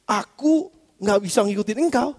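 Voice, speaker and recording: A man's voice: high voice, expressive, moderate pace, darkish tone, slightly rough, pitched below the performer's own voice, exaggerated voice. A man voicing an impulsive, stubborn male disciple who insists he will follow. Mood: insistent. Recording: long church reverb.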